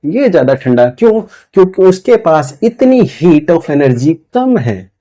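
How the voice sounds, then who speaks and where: Mellow-voiced man teaching with constant repetition. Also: a little high, sing-song. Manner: repetitive call-and-response questioning, drawn-out key words. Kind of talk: classroom lecture.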